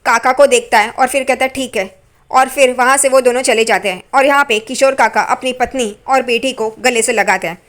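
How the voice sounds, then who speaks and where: A woman's voice: high-pitched, a bit bright. A woman casually narrating a recap of a TV serial episode, with occasional wry asides. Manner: plain, running narration with asides.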